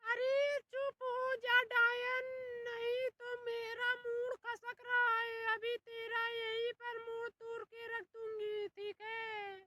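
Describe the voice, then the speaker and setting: Bossy village mother-in-law acted by a woman, high and bright, drags out her calls. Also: monotone, a little hiss or hum, exaggerated voice. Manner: bossy, shouting orders, drawn-out calls.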